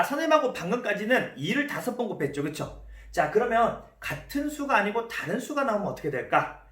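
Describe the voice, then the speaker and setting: In a classroom, a man with a high, pushed, bright voice leads a math lesson, returning to key terms and putting questions to his students. He sounds far from the mic, with the room's echo around him.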